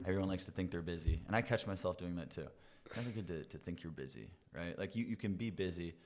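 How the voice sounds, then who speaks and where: A man's voice: sits low, quick pace, darkish tone. A young man hosting a podcast, chatting casually in an upbeat, motivational way about mindset and gratitude. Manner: upbeat, motivational, self-help talk. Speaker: podcast host. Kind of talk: casual chat.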